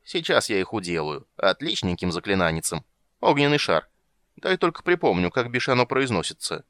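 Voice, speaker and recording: A man's voice: fairly low pitch, very animated, moderate pace, fairly bright tone, dry recording, clean studio sound. A man doing a flustered old wizard. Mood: fussy. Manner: flustered, wheedling, cackling. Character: fussy, scatterbrained old male wizard.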